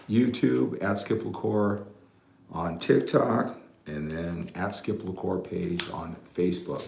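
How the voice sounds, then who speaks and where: A mature American fitness coach chats casually and ramblingly to his livestream viewers, frequently ending sentences with "right?" His voice is low, gravelly, and a little mellow, and the room sounds roomy and echoey.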